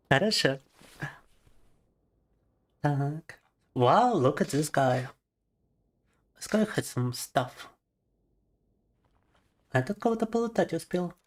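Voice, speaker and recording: A man's voice: on the high side, lively intonation, drawn-out words, long pauses. Chatty male gaming streamer, native Russian speaker. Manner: chatty, laughs often, explains to viewers as he plays. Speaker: livestreamer. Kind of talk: casual gaming livestream commentary.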